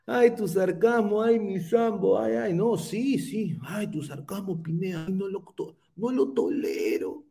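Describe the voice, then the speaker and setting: A man's voice: sits high, expressive, unhurried, creaky, hardly any pauses, mellow, voice pushed up, full character voice. A man putting on the voice of a whiny, fussy male critic, simpering in a sing-song, mocking way. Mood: whining mockery.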